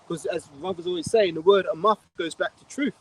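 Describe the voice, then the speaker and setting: A man's voice: sits high, quick pace, slight background noise, rough recording. A man with a London accent, preaching outdoors and telling a long anecdote, blunt and profane. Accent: London English. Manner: blunt, profane, rambling storyteller. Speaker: street preacher. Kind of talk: outdoor religious talk, anecdote. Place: outdoors in a city street.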